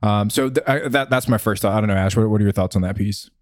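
A man co-hosts a podcast, speaking in an easygoing, hesitant way full of "um"s and restarts. His voice sits fairly low, and the sound is dry and close. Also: quick pace, no echo. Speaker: podcast co-host. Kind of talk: casual podcast chat.

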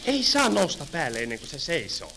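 A man's voice: fairly high pitch, huge pitch swings. A man singing and playing a fussy old-time tram conductor who scolds passengers, on an old archive record with music. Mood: jaunty. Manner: sings, then scolds passengers in quick patter. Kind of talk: 1930s comic song with spoken patter.

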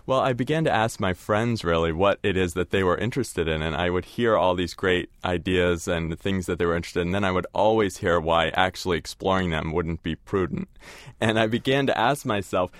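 A man's voice: sits low, brisk, no echo, clean studio sound. A man who co-wrote a book, a guest on a radio interview. He reads a passage aloud and then answers casually, with lots of fillers like you know. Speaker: co-author, guest.

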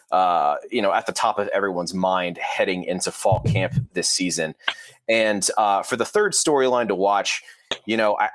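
A man's voice: on the low side, fairly bright tone, no room sound. A man co-hosting a sports podcast, talking casually with frequent fillers. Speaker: podcast co-host.

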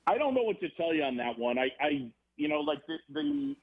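A man calls in over a thin, phone-like line, his voice slightly higher than most. He rambles through his points in an animated way, starting over often. It's a relaxed guest spot on a podcast. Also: brisk, creaky. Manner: rambling, animated storyteller with many restarts. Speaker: baseball broadcaster, guest. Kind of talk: casual podcast conversation. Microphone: phone or remote call.

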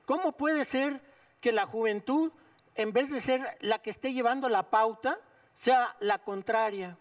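Mexican man, guest doctor, earnest pleading advice, mid pitch, off-mic in studio. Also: unhurried, far from the mic. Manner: urgent, pleading, uses slang. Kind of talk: earnest health advice on a talk show.

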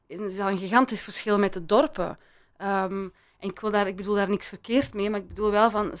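A woman speaking as an interview guest, thoughtful and hesitant, with frequent restarts and laughs. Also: mid-range voice. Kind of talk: reflective interview talk. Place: in Belgium.

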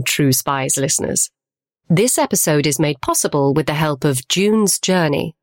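A woman's voice: low-pitched, dry recording, clean studio sound. A woman hosting a podcast and reading a scripted sponsor message. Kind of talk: scripted ad read.

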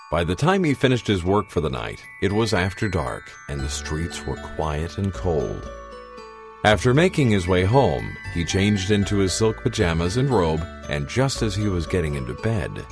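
A man narrating a scripted audio drama story as its storyteller. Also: deep voice.

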